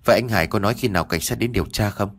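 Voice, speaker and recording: A man's voice: on the low side, racing, a bit bright. A man voicing a devoted young wife in an audio story, anxious and pleading. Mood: tender.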